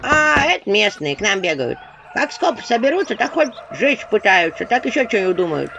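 A woman's voice: mid-range voice, sing-song, moderate pace, vocal fry, pushed and bright, full character voice. A woman voicing a group of weary little imps who talk in a sighing, folksy way. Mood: resigned. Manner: sighing, matter-of-fact, folksy. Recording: dull audio with faint noise.

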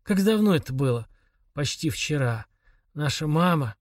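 A man voicing a raspy dying father. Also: on the high side, animated, moderate pace, no room sound, clean studio sound, close to an everyday voice. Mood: weak, pleading. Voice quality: raspy whisper. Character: dying, broken father, weak and rasping.

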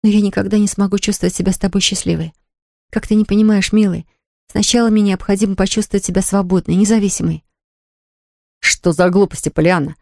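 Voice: medium pitch, steady tone, fast, vocal fry, darkish tone, no room sound, studio quality, close to an everyday voice. A reader voicing a distraught young woman who pleads through tears. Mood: pleading. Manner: pleading, tearful outbursts.

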